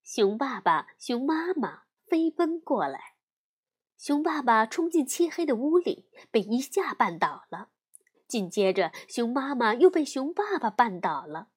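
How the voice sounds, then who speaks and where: 一位女性用缓慢而富有表现力的语气朗读儿童故事。. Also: female voice, on the high side, slightly rough. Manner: slow, expressive storytelling. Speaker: storyteller. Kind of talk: children's audiobook narration.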